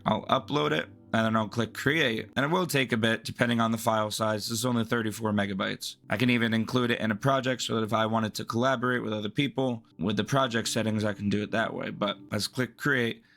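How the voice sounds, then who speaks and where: A man's voice: fairly low pitch, gravelly, fairly bright tone. A man hosting a tech video, talking through a screen-recording tutorial in a casual, rambling, explanatory way.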